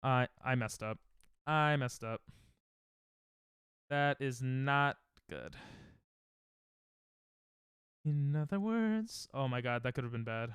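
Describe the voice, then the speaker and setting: While gaming live, a man bantered sarcastically and jokingly with viewers, speaking slowly in a smooth, slightly bright mid-range voice with lively intonation. The sound is dry and studio quality.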